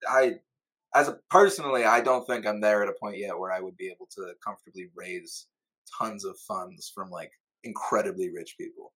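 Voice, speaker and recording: A man's voice: on the low side, fairly even intonation, a little fast, fairly bright tone, slightly rough, low-quality recording. A man chatting casually as an interviewer, with slangy, hyped frat-bro banter. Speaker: podcast host interviewing a guest. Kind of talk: casual chat.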